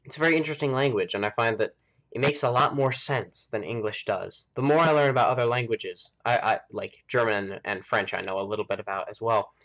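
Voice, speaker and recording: An American man hosts a game live stream, chatting casually while he plays and rambling as he thinks aloud. His voice is medium-pitched and fairly bright, and he talks fairly quickly.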